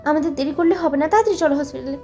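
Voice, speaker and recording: A woman's voice: high-pitched, racing, dark tone, faint music behind. A woman voicing Mimi, an emotional, anxious young woman, in an audio story.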